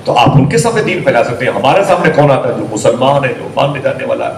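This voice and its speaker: A man's voice: mid-range voice, animated, gravelly. Emphatic male preacher in an echoey hall. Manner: emphatic, keeps asking the crowd to agree. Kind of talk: storytelling sermon. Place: mosque. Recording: echoey hall, voice from a distance, faint noise.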